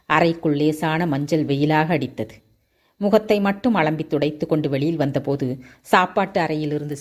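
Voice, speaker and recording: A woman with a fairly low, steady voice narrates a romance novel for an audiobook. Her delivery is measured and even, paced for listening. The voice sits a little below the usual range for women.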